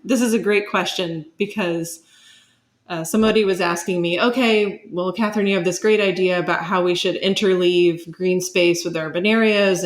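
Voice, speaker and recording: A woman with a lowish voice appears as an expert guest in a conversational interview. She explains thoughtfully, building her points step by step.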